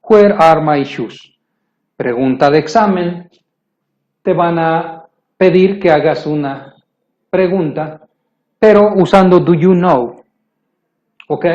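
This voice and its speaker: A man with a somewhat high voice explains English grammar to his viewers in a patient teaching tone. He circles back and repeats his points, and he slows down to spell out each example phrase. The recording is a bit dull and lo-fi. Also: warm tone.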